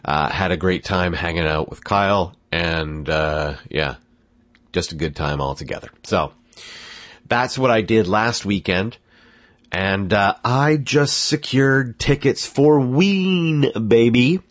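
A podcast host, stuffy from a cold, speaks slowly in a low voice with no echo. He rambles casually, cutting himself off as he goes and laughing at himself.

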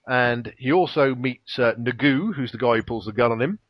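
A man chatting through a story recap in a relaxed, rambling way, with fillers and small laughs along the way. His voice sits at an ordinary pitch. The recording is dry and a little dull, like a home podcast mic. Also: normal speed, no echo. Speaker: podcast co-host recapping an episode. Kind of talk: casual chat, episode recap.

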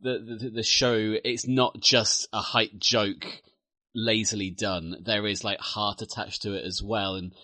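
Playful male co-host, bright voice, dry close-miked sound. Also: fairly low pitch, level tone, unhurried, dry recording. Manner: playful, jokes and puts on silly voices. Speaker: podcast co-host. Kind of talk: casual film chat.

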